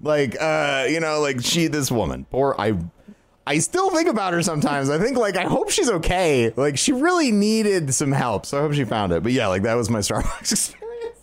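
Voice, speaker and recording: A man hosting a podcast, telling stories in a casual, animated way and laughing often. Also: fairly high pitch, moderate pace. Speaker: podcast host. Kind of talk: casual chat.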